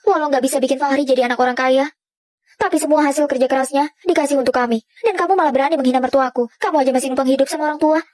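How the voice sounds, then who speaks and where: A woman dubbing a young wife who scolds forcefully and speaks her mind in a drama. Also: sits high, very fast, dry recording, close to an everyday voice. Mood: scolding. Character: outspoken young wife, sharp-tongued and fierce.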